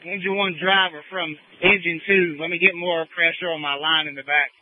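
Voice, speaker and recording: A man's voice: fairly high pitch, fairly even intonation, moderate pace, no echo. A male engine crew firefighter giving terse radio updates and requests over a two-way radio. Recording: noisy tinny fire radio.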